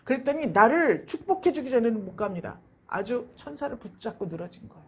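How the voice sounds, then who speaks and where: Husky-voiced woman pastor preaching. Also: fairly high pitch, fairly quick, highs cut off. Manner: animated storytelling preaching, asks rhetorical questions. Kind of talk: Sunday sermon.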